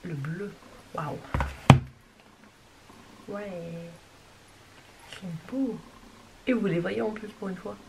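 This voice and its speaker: A woman showing off a makeup haul in a casual, gushing way, sometimes dropping to a soft whisper. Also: medium pitch, slow, long pauses. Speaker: beauty vlogger. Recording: distant mic with clear background noise.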